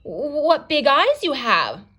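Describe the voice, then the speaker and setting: A sweet little fairy-tale girl, acted by a woman, high and bright. She is trusting and earnest, with an innocent way of stretching out her phrases. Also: sing-song, takes it slowly, heavily acted. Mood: nervous.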